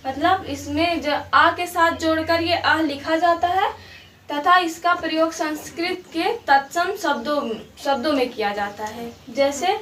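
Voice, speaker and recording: A woman with a high voice teaches a grammar lesson, patiently repeating her examples and checking that her students follow. She sounds a little distant from the mic in an echoey room with a faint hiss behind her. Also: unhurried, fairly bright tone. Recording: roomy, distant mic with faint background noise.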